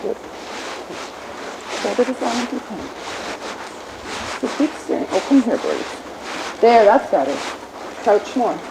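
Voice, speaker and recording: A woman coaching a horse riding lesson, projecting brisk commands and corrections with short explanations. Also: fairly high pitch, lively intonation. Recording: clearly noisy riding-lesson ambience.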